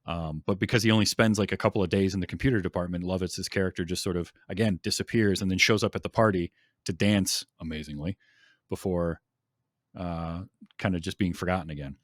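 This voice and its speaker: Low-voiced man hosting a casual podcast. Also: fairly even intonation, fairly quick, no room sound, studio quality. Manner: rambling, enthusiastic, many ums. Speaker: podcast host. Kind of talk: casual chat about a film.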